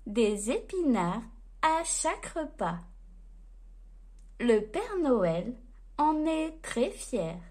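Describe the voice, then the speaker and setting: A woman storyteller reading a children's bedtime story aloud in a gentle, expressive way. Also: on the high side, extremely slow, long pauses.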